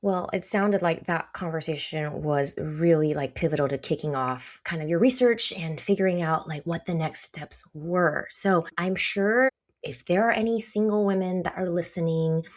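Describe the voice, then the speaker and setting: A woman's voice: lowish voice, normal speed. A woman hosting a podcast, affirming and reflecting back what her guest says. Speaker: podcast host. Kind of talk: casual interview chat.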